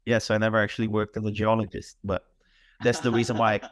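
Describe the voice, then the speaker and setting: Talking quickly in a lowish, monotone voice, a Brazilian man in his thirties, a Portuguese speaker, chats in a casual interview about his work as a fitness instructor, thoughtful and heavy on fillers. The studio sound is clean, with no echo.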